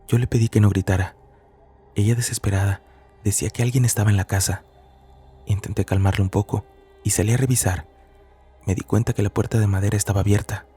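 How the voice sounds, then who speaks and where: A man narrates a scripted horror story in a dark, husky voice with a gravelly edge. His delivery is measured and somber. Faint music plays underneath. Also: on the low side.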